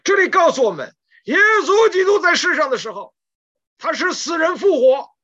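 A woman's voice: very high voice, sing-song, moderate pace, fairly bright tone, dull audio. A woman preaching a sermon, retelling scripture stories with emphatic rhetorical questions.

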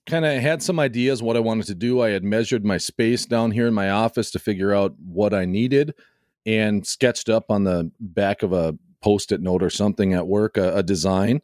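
Speaking as a guest in a casual podcast chat, a man with a lowish, scratchy, hoarse voice rambles hesitantly and keeps restarting sentences. A home podcast mic makes him sound close and dry with no room or echo, and he talks at a moderate pace in a darkish tone.

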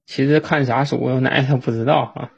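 A man with a Northeastern Mandarin accent, recalling a family memory in a halting, repetitive way with frequent restarts. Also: mid-range voice, fairly even intonation, vocal fry, a little mellow, slightly rough. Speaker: storyteller. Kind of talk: personal reminiscence monologue. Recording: dull lo-fi recording.

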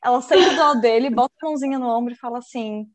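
Woman, podcast co-host, casual chat, quick, animated storyteller. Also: sits high, a crowd in the background. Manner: animated storyteller, acts out film scenes in voices; upbeat, self-described positive person.

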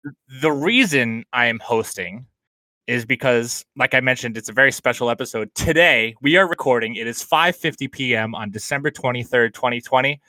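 A man's voice: medium pitch, bright, forceful tone, no echo. A man of thirty hosting a casual podcast chat with his brother over a laptop call, upbeat and joking. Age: 30s. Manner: upbeat, joking, quick asides. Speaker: podcast host. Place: small apartment at home. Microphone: remote call from a laptop.

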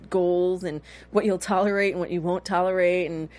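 Chatty woman in her thirties, low voice. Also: steady tone, moderate pace, darkish tone. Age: 30s. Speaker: host. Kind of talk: casual TV recap chat.

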